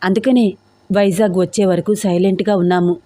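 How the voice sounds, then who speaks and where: A woman voicing a sad, loyal young female friend in a storybook audio drama, speaking gently and tearfully. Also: mid-range voice, steady tone, a little fast, dry recording, lightly acted. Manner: gentle, teary.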